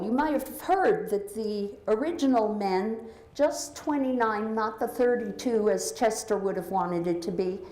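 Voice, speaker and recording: A woman giving a slide talk about her book, her voice echoing through a hall's sound system as she explains pictures one by one. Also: fairly high pitch. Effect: big hall echo through a loudspeaker. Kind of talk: lecture presentation. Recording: echoey hall with faint noise.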